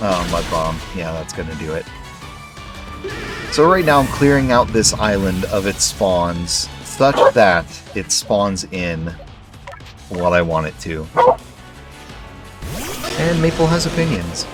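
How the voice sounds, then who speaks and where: A male streamer chatting casually at home at night while playing a game, relaxed and rambling with many fillers. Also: low voice, unhurried, loud music behind the voice. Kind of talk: casual gameplay commentary.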